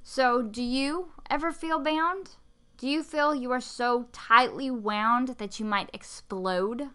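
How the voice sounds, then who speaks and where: Slow, bright-voiced woman co-hosting devotionals. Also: high-pitched, clean tone. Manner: encouraging, gently preachy. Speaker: podcast co-host.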